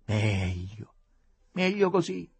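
A man voicing a frantic, tearful noblewoman who breaks into shrill outbursts. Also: big pitch swings, slow pace, slightly rough, heavily acted. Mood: scolding.

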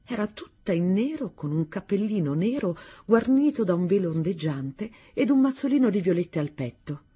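A woman narrating a literary story in a measured, even way. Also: medium pitch, breathy edge.

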